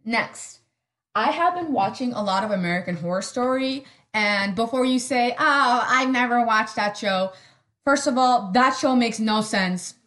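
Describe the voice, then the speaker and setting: A young woman talks through her solo podcast in loose, rambling chat. Her voice sits at a middle pitch, and she fills it with sarcastic quips, "like" and sudden side comments. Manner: chatty and sarcastic, lots of "like" and quick asides. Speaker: podcast host.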